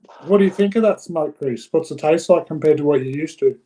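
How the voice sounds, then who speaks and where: A man's voice: on the high side, brisk, dark tone, low-quality recording. A man chatting casually in a laid-back, sweary way. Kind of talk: casual chat.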